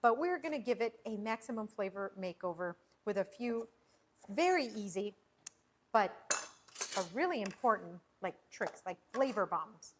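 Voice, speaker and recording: A woman's voice: medium pitch, animated, moderate pace, a little hiss or hum. A woman hosting a casual cooking livestream from her home kitchen, chatting and rambling with frequent restarts as she preps food. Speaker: cooking show host.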